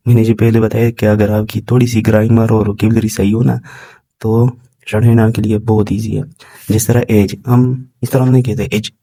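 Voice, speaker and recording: Low, flat, very dark-voiced male teacher. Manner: reads English text slowly, then explains in Hindi. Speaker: shorthand teacher. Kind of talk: casual explaining lesson.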